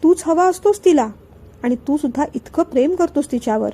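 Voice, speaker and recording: A woman's voice: sits high, animated, fairly quick, dark tone. Woman reading as an admiring older man.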